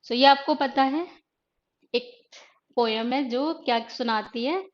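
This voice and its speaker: A woman English teacher giving an online exam-prep lecture. She mixes Hindi and English and explains by asking questions and then answering them herself. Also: high-pitched. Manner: reads poetry slowly and deliberately. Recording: dull lo-fi online class audio.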